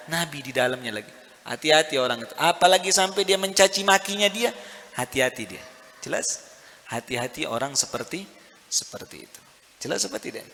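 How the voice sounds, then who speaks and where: A man's voice: fairly high pitch, bright, forceful tone. A man preaching a sermon, often asking the audience questions and having them answer back. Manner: call-and-response questions to the audience. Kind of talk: religious sermon. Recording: reverberant hall.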